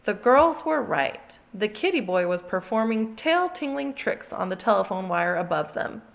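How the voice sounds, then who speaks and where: A woman reading a children's picture book aloud in an expressive, sing-song way. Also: mid-range voice, moderate pace, gravelly, lo-fi sound. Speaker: storyteller.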